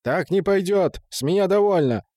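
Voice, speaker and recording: A man's voice: a little high, lively intonation, normal speed, a little mellow, dry recording, studio quality, lightly acted. A man reading an audiobook, voicing an irate middle-aged husband who scolds and blusters. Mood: angry scolding. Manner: scolding, indignant. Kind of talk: audiobook character voice.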